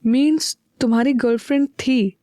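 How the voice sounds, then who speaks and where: Audio-story casting: a woman playing a fiery Punjabi young wife, indignant and higher-voiced. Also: normal speed, no room sound, studio quality, close to an everyday voice. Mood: wary. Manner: huffy, indignant and sharp-tongued.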